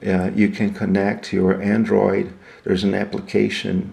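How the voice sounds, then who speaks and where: A man reviews equipment in a relaxed, off-the-cuff walkthrough, going step by step and raising his own questions before answering them. His voice is low-pitched and a little mellow, with vocal fry.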